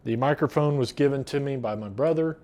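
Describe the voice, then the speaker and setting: A middle-aged woodworking video host with an American accent speaks fairly quickly in a mid-range, slightly mellow voice. He explains a do-it-yourself project casually, plainly and unscripted.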